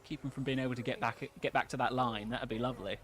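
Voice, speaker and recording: A man's voice: medium pitch, steady tone, quick pace, fairly bright tone, slight background noise. A man streaming a strategy game, chatting casually and telling stories between battles. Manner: chatty, joking, tells stories.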